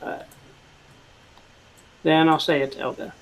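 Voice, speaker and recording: A game master narrating a tabletop game in a halting way, with many fillers and restarts. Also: medium pitch, flat delivery, poor audio.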